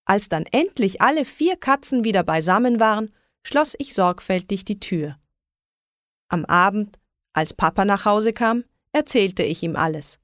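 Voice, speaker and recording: A woman reading a children's story aloud in a lively, expressive way. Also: medium pitch, a little slow, dry recording, studio quality. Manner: lively, expressive reading with raised voices for quoted calls. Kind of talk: scripted children's story narration.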